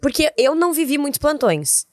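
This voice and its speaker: Young woman host; higher voice, dry sound, chatty and affirming. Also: big pitch swings, fairly quick, darkish tone, dry recording. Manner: chatty, frequent short affirmations. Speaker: interview host. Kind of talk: casual interview chat.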